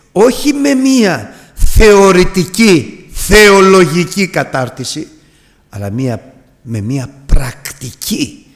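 A man preaching a sermon with passion, often swelling to near-shouts. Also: on the high side. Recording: long hall reverb.

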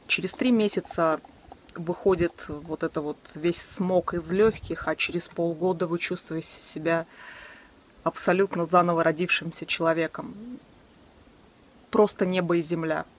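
Standing by a wooden garden shed, a vlogger in her early forties chats candidly to the camera on her selfie stick at arm's length, laughing at herself now and then. She speaks at normal speed in a fairly low, steady voice.

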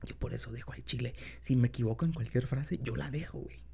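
Young man, Mexican accent, boyfriend ASMR, improvised rambling, affectionate, gravelly fry, soft dark tone. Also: mid-range voice, quick pace. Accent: Mexican Spanish. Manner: casual, rambling, slangy, affectionate. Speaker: ASMR boyfriend-audio creator.

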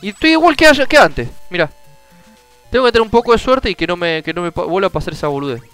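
Young Rioplatense man streaming a retro game, clear and high voice that swings wildly, loud frustrated cursing, game music low underneath. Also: expressive, quick pace, low-quality recording. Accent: Rioplatense Spanish. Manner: frustrated, swears often, bursts into shouting. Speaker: gameplay streamer. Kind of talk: casual gameplay commentary.

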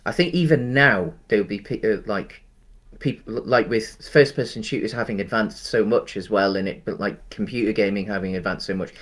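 A podcast co-host in his thirties talks films casually over a headset on a home video call, rambling with frequent fillers and restarts. His voice is fairly low and a little bright, and he speaks fairly quickly.

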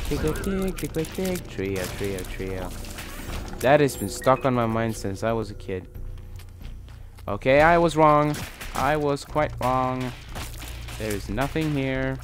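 A young man giving casual, self-mocking let's play commentary, swearing now and then at the game. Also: medium pitch. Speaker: gaming channel host. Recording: game music loud behind the voice. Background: game music.

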